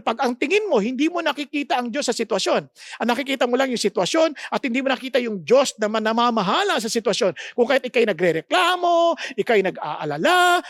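A woman's voice: sits high, no room sound, clean studio sound. A woman from the Philippines with a Filipino accent, preaching a sermon that mixes Tagalog and English, putting rhetorical questions to her listeners and explaining words with emphasis. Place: podcast recording.

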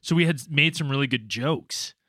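A man's voice: mid-range voice, a little fast, bright, forceful tone, no echo. A man co-hosting a podcast, chatting casually and laughing along, loose and profane. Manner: laughing, loose, swears freely. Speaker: podcast co-host. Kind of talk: casual chat.

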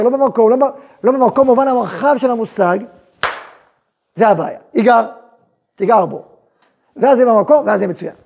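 A man teaching a Torah class as a rabbi, telling a story and acting out its voices with emphatic, lively delivery. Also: very high-pitched, creaky. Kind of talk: animated Torah lesson with storytelling.

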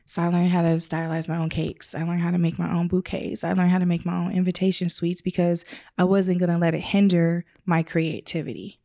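A woman being interviewed in her own photography studio, chatting warmly and emotionally with quoted asides and laughs. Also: lowish voice, little pitch movement, brisk. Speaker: wedding photographer guest. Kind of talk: casual interview.

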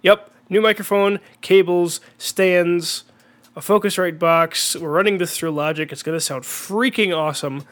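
A young man with a cold, sounding congested and clearing his throat, hosting an excitable amateur commentary on a baseball video game. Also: high voice, measured pace. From Minnesota. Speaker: host and play-by-play announcer.

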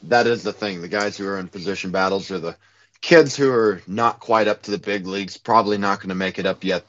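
A man with a fairly low voice chats on a podcast, stuffed up and nasal from a cold. He talks in a relaxed way and leads the conversation. The audio is dull and lo-fi. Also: a little fast. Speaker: podcast co-host. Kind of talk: casual podcast chat.

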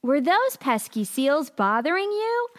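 A kind, protective storybook shark, as a woman puts it on, friendly and high-pitched. The lines bounce with lively, wide-ranging pitch. It sounds caring rather than scary. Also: a little slow.

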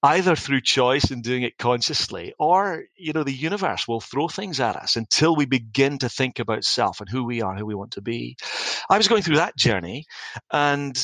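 A middle-aged Scottish man, a business founder, talks through his life story in an interview. He is wry and anecdotal and often restarts his sentences. His voice sits at an ordinary pitch and the sound is dry and close. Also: expressive, moderate pace, fairly bright tone, no echo, poor audio. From Scotland.

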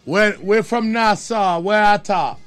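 A man's voice: high-pitched, slow, fairly bright tone, clear, resonant tone, faint music behind. A man from the Bahamas with a Bahamian accent, an artist in the studio joking around and slipping into patois. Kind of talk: casual studio banter.

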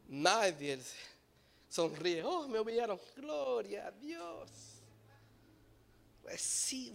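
A preacher with a creaky voice delivers a sermon that swings from soft, low musing to loud shouting, slipping in short English phrases.

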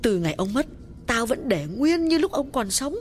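A man voicing a frightened middle-aged village mistress who speaks in a shaky, hushed way to her servant. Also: extremely high pitch, big pitch swings, moderate pace, faint music behind, pitched above the performer's own voice. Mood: terrified.

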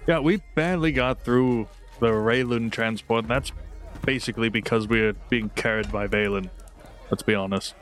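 Male player in character, even mid voice, steady and wry. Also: mid-range voice, moderate pace, soft background music. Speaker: tabletop game player. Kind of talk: in-character tabletop role-play.

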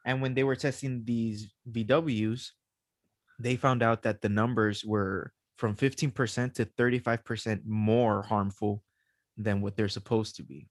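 A man's voice: lowish voice, level tone, measured pace, dry recording, studio quality. A man hosting a casual podcast chat, loose and swearing, laughing as he explains. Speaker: podcast host.

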